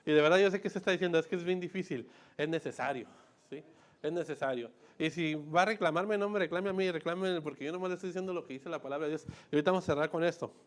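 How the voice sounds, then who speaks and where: A man preaching a sermon, emphatic, repeating his key phrases and swinging between loud and hushed. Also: on the high side, racing. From Mexico.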